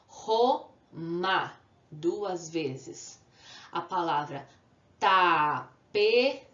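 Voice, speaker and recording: A woman teacher gives a video lesson to children, patiently drawing out example words and asking the class questions she then answers herself. Her lowish voice is animated and fairly bright, with drawn-out words. The room is echoey and the sound slightly dull.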